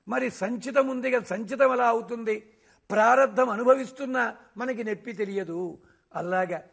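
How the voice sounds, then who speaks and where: A man giving a devotional discourse on scripture. He recites verses slowly and asks rhetorical questions that he then answers himself. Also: sits high, creaky. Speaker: religious discourse speaker.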